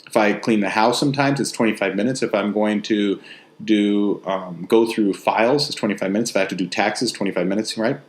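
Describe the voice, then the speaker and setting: A man's voice: fairly low pitch, brisk. A man with a West Texas accent talking casually in a rambling, conversational monologue, telling anecdotes in a self-deprecating way. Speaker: novelist and host. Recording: roomy, echoey sound.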